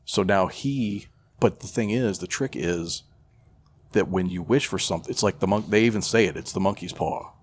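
A deep, husky male voice at normal speed belongs to a podcast co-host retelling a film plot. The chat is casual and meandering, with plenty of swearing and irreverence.

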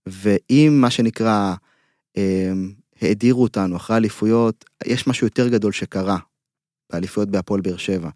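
Low-voiced Israeli man, earnest coach. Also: darkish tone, dry recording, clean studio sound. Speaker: mental coach, podcast guest. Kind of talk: motivational interview talk.

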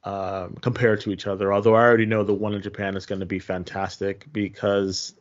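A man co-hosting a podcast, chatting casually and haltingly, often repeating his phrases. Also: on the low side, flat delivery, dull audio. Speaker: podcast co-host. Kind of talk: casual chat about games and trips.

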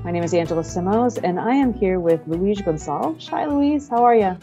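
A woman's voice: medium pitch, lively intonation, normal speed, mellow, lo-fi sound, soft background music. A woman hosting a podcast interview, introducing her guest in a friendly, upbeat way. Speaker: podcast host.

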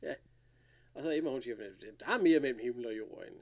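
A man casually recapping an episode, retelling scenes with lively quoted lines and laughter. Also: mid-range voice, dull audio. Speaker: podcast co-host recapping an episode. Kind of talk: casual chat.

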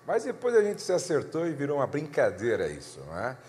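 A middle-aged male pastor preaching a sermon, telling a family story with animated delivery that climbs in pitch when excited. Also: quick pace, long reverb tail.

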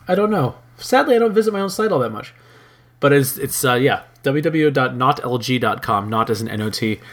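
A man hosting a casual solo podcast, hoarse-voiced, rambling with many fillers and restarts. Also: medium pitch, a bit bright. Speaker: podcast host.

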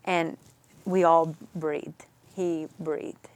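Middle-aged woman, lowish voice, talks earnest and halting, goes almost whispery, dry no-room sound. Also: level tone, dry recording. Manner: earnest, halting, drops soft near a whisper. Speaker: guest. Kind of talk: personal storytelling in a podcast interview.

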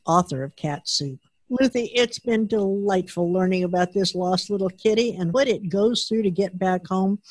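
A woman hosting an interview asks her questions in an upbeat, complimentary way. Her pitch sits in the middle range. The sound is close and dry. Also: darkish tone, slightly rough, dry recording. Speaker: interview host.

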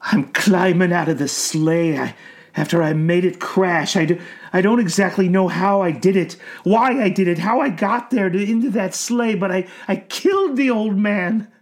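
A man's voice: high voice, animated, measured pace, vocal fry, pitched above the performer's own voice, heavily acted. A man voicing a haunted old male asylum patient who mumbles in a folksy drawl and breaks into sobs. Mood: sobbing. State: sobbing.

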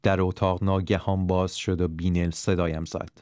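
A man reading a first-person story aloud in a measured, steady narration. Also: deep voice, smooth, dry recording, clean studio sound. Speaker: audiobook narrator.

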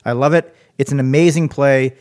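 A young male podcast host leaves a voicemail, stumbling through "uh" fillers as he goes. His tone is mock-formal and teasing, and his voice sits at an ordinary middle pitch. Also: steady tone, moderate pace, a little mellow. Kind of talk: leaving a voicemail.

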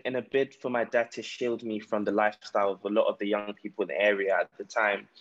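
A man with a South London accent and a fairly low voice tells his own story in a conversational way. He's an entrepreneur appearing as a podcast guest on a remote call from Ghana, and the audio sounds dull.

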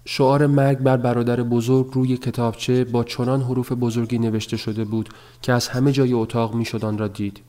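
A man reading a novel aloud as an audiobook narrator, in a measured, even storytelling manner. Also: mid-range voice.

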